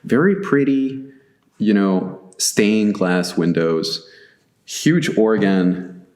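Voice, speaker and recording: Very slow and expressive, a Chilean man's fairly low, slightly mellow voice carries through a big empty church sanctuary where he chats as a guest artist. The echoey conversation is hesitant, with many fillers and restarts.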